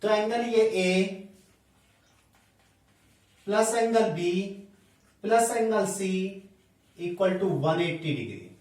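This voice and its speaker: Slow-dictating male maths teacher, echoey room. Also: sits high, expressive, a little mellow. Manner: mixes Hindi with English maths terms, spells out angle letters one by one. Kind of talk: blackboard lesson, dictating steps slowly. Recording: echoey room, voice from a distant mic.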